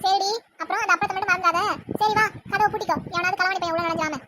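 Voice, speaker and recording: A woman's voice: extremely high pitch, fairly even intonation, very fast, noisy background. A woman voicing a grumpy, bossy old mother-in-law who scolds sharply, speaking with a Tirunelveli Tamil accent. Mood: scolding. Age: older.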